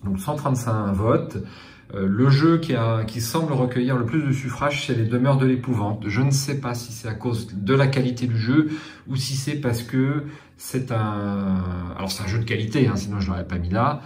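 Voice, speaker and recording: A man's voice: mid-range voice, moderate pace, a little mellow, reverberant. A man hosting a board game channel, talking casually to his viewers with many fillers and restarts.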